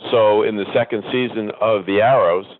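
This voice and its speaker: Man, low voice, rambling anecdotes, dry tinny phone sound. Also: fairly even intonation, moderate pace, no echo. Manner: rambling anecdotes with many ums. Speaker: guest, former soccer executive. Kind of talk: reminiscing interview storytelling.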